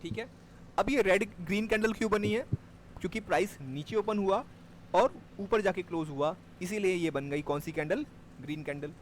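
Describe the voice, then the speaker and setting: A man's voice: sits high, normal speed, a little hiss or hum. A man teaching a live class on trading, explaining step by step and checking that his students follow. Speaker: stock market trading teacher.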